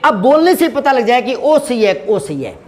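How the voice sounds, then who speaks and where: Very high-pitched man teaching Hindi. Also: big pitch swings, normal speed, darkish tone. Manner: patient, repeats and drags out sounds to demonstrate pronunciation; asks rhetorical check-in questions. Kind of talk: classroom-style grammar lesson.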